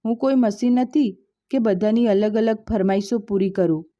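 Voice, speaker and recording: A woman's voice: medium pitch, normal speed, mellow, highs cut off, natural voice. A woman doing a snapping, resentful young daughter. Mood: angry. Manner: angry, snapping.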